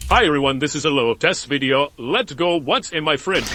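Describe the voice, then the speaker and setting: A man heard through a software voice changer that raises his pitch, giving an upbeat, chatty greeting for a casual test clip. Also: animated, brisk.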